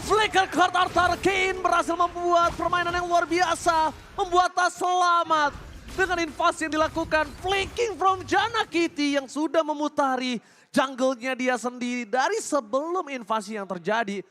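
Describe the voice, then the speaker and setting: Indonesian man, esports play-by-play, extremely high pitch for a male, excited and dramatic. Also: normal speed, a little hiss or hum. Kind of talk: live esports match commentary.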